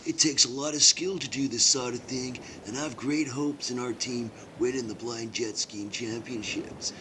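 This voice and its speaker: A man playing an earnest blind jet ski competitor who talks halting and hopeful. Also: medium pitch, fairly even intonation, sharp tone, slight background noise, close to an everyday voice, poor audio.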